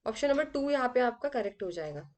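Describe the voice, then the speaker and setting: A woman teaching an exam revision lesson. She reads English questions slowly, then explains them in Hindi with everyday examples. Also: a little high, big pitch swings. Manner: explains with everyday examples, calls students "beta".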